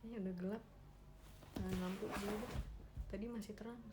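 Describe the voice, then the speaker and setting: A woman's voice: mid-range voice, fairly even intonation, brisk, very noisy. A young woman hosting a casual solo livestream from her room on a phone, chatting emotionally and animatedly with lots of fillers. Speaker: idol livestream host.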